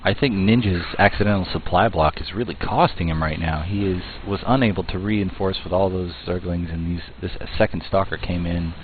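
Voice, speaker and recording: A man giving play-by-play commentary on a strategy game match, talking in a measured way with fillers and restarts. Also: sits low. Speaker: esports caster. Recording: tinny phone-like line, faint noise.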